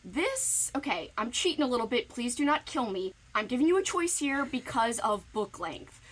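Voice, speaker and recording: A woman's voice: a little high, sing-song, moderate pace, a bit bright, breathy edge, poor audio. Giggly playful woman booktuber. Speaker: booktuber recommending books. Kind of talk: casual recorded message.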